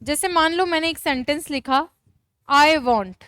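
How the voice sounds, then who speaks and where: High-voiced woman teaching grammar. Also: measured pace, fairly bright tone, no echo. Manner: repeats phrases emphatically, dictates notes. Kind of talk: classroom lesson explaining grammar.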